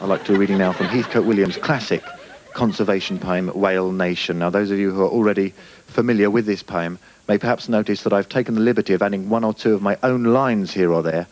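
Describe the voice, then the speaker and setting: A man's voice: fairly low pitch, quick pace, a little mellow, slight background noise. A young man doing stand-up with a dry, mock-serious delivery. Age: young adult. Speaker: stand-up comedian. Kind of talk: stand-up routine. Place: comedy club stage.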